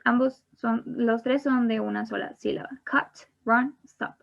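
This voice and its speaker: Slow, careful bilingual woman teacher. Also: a little high, fairly even intonation, creaky. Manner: explains in English then repeats in Spanish. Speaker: English teacher. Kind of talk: bilingual online grammar lesson. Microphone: online class computer mic. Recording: dull lo-fi online class audio.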